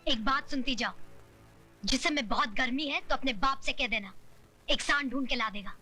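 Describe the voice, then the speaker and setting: A woman's voice: sits high, moderate pace, natural voice. Woman playing a fierce defiant young wife. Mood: combative. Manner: sharp, cutting, combative. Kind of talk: Hindi film drama. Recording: film soundtrack with music.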